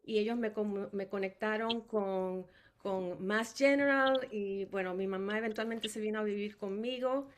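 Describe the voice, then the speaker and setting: A woman's voice: mid-range voice, moderate pace, a little hiss or hum. A middle-aged woman from Puerto Rico with a Puerto Rican Spanish accent, giving a personal caregiver testimony with many fillers and restarts. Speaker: family caregiver speaker.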